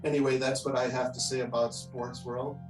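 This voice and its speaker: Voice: medium pitch, level tone, a little fast. A speaker giving a short, earnest thank-you speech for a youth program. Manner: earnest, heartfelt. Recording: roomy, distant, loud guitar music.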